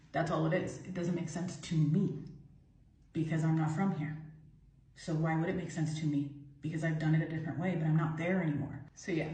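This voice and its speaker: A woman's voice: on the low side, warm tone. An American woman talking candidly to camera at home, giving her opinions in a casual vlog with lots of "like.". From United States. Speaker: vlogger living abroad. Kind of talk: casual talking-head commentary. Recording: roomy echo, distant mic, faint ambience.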